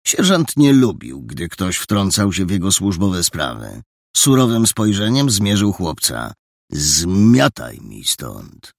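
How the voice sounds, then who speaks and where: A man's voice: deep voice, unhurried, dry recording, studio quality. A man narrating an audiobook, expressively, voicing every character. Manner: expressive, many character voices.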